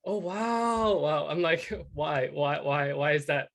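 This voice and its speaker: A woman's voice: sits low, animated, slow. A woman born in Hong Kong and raised in Canada, chatting as a guest, laughing often and saying "like" a lot. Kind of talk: casual discussion.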